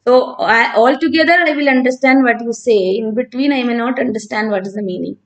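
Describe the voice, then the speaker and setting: A woman from Kerala, speaking with a South Indian accent, teaches physics online in an informal live stream. Her voice is a little high and a little fast as she talks conversationally while answering students.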